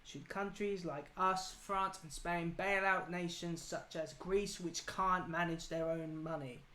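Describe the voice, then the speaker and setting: A man's voice: high voice, steady tone, unhurried, bright, forceful tone. A man from England arguing political opinions in a casual debate, emphatic and ranting. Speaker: political talk show host. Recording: echoey room with faint noise.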